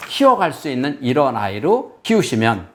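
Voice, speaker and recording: A man's voice: medium pitch, normal speed. A middle-aged man, a child development expert, lecturing viewers on raising children, speaking directly to them and acting out what children say. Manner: animated lecturer, addresses viewers directly, acts out children's lines. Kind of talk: lecture to camera.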